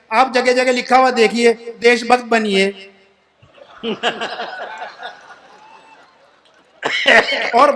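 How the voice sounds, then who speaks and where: A comic poet in his sixties performs humorous recitation and storytelling on stage at a live poetry event, repeating each couplet line before the punchline and chatting with the crowd like friends. His voice is very high, pushed, and bright.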